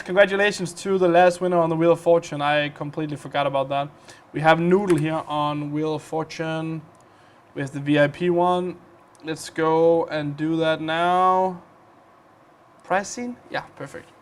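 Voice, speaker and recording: Man, Danish accent, livestream game host, chatty, playful, slightly high voice. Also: steady tone, a little slow, clean tone. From Denmark. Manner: chatty and playful, reads out viewer comments. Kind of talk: casual gaming livestream chat.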